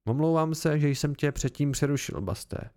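A man's voice: fairly high pitch, warm tone, natural voice. A man voicing a battered, weary innkeeper with a dry, wry wit, in an amateur audiobook reading. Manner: wry, pained, tired.

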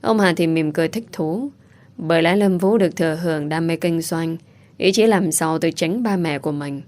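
A woman reads a family story aloud in calm, even narration. Her voice is fairly low for a woman and unhurried. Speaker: audiobook narrator. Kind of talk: scripted narration.

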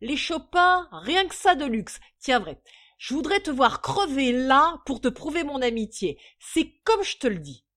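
A woman's voice: high-pitched, big pitch swings, unhurried, a bit bright, voice pushed up, full character voice. A woman voicing a rowdy, slang-spouting drunken working-class man in a storybook reading. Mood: boastful. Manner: boisterous, slangy, hiccuping.

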